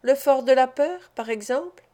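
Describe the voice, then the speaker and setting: A woman's voice: high voice, normal speed, warm tone, close to an everyday voice. A woman reading as a wise, kindly father. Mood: approving. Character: kindly wise father, family head, gently teasing. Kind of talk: audiobook reading.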